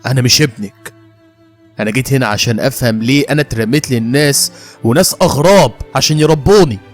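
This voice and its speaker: A man's voice: medium pitch, quick pace, faint music behind, natural voice. A man playing a hurt young police officer who speaks with an Egyptian accent in a raised, bitter voice. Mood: angry. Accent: Egyptian Arabic.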